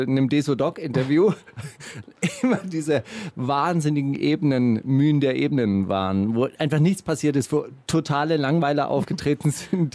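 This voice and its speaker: Man co-hosting, teasing banter, dry close voice, mid pitch. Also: a little mellow, dry recording. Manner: teasing, rambling with many fillers. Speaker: co-host. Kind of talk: casual podcast banter.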